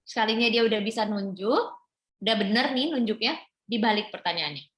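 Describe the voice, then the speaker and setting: A woman's voice: mid-range voice, a little fast. A woman pediatrician patiently explaining advice to parents during a webinar, on a video call. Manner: patient, explanatory, demonstrates animated reading voice. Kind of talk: webinar talk advising parents. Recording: echoey room.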